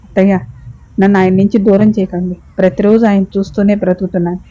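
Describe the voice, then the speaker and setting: Tearful pleading young wife, read by a woman storyteller; dark, husky voice. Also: mid-range voice, flat delivery, fast talker, highs cut off, natural voice.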